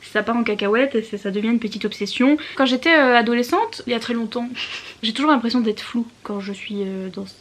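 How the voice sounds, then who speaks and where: A woman's voice: a little high, fairly quick, a little hiss or hum. Giggly, rambling young woman vlogger. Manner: giggly, rambling and self-mocking. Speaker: YouTuber talking about reading. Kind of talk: casual chat to camera.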